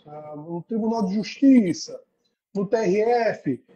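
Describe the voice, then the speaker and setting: A man's voice: high voice, lively intonation, slow, lo-fi sound, crowd noise. A man, a lawyer, giving practical advice in an interview and explaining step by step. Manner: didactic, explains in lists. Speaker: lawyer guest.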